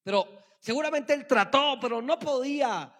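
A man delivers a sermon in a bright, high voice, addressing the congregation directly. His delivery is animated, with quiet stretches that build into loud calls. The sound carries a long reverb from a church hall. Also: normal speed. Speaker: preacher.

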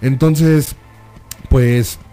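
A man's voice: medium pitch, fairly even intonation, dark tone, faint music behind. A man with a Mexican accent, chatting casually and profanely as he recaps a soap opera, sometimes mimicking the characters. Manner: slangy, profane, acts out characters in quick put-on voices. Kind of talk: casual chat recapping a telenovela.

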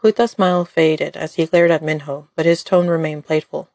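A woman's voice: low-pitched, fairly even intonation, moderate pace, a little mellow, no room sound. A woman reading scripted story narration as the narrator.

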